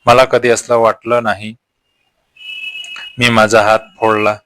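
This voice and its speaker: A man voicing a lonely middle-aged woman who is fragile and guarded, speaking her lines softly. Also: lowish voice, flat delivery, slow, no echo. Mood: tender.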